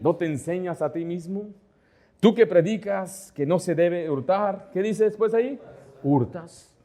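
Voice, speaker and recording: A man's voice: high-pitched, unhurried, mellow. A middle-aged man, a pastor, preaching a sermon, asking his listeners rhetorical questions and acting out the dialogue in his stories. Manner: asks the congregation rhetorical questions; acts out dialogue within anecdotes.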